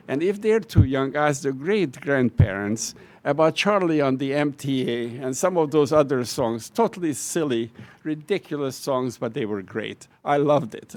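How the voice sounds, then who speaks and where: An older Hungarian man, a professor on the verge of retirement, speaks with a Hungarian accent in a medium-pitched, somewhat dark voice. He tells a lecture audience wry, self-deprecating stories from his own life.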